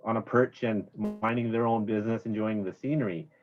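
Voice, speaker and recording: A man's voice: on the low side, fairly even intonation, brisk. Chatty man chairing a call, dull sound. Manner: chatty, rambling, self-correcting. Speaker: meeting chair. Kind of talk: casual meeting chairing. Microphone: video call.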